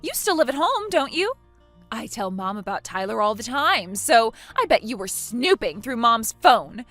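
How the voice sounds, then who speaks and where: A woman's voice: on the high side, very animated, moderate pace, fairly bright tone, faint music behind. A smug, mocking younger sister, played by a woman. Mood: accusing. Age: 20s. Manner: mocking, laughs at others. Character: smug, spiteful younger sister in her twenties. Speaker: character in a voiced text story. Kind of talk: voice acting for a text-message story.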